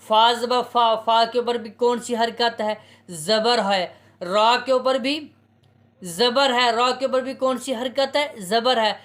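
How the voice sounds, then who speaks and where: A man teaching a reading lesson, spelling letters and vowel marks out slowly and patiently, often asking a question and answering it himself. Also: very high-pitched, fairly even intonation, a bit bright.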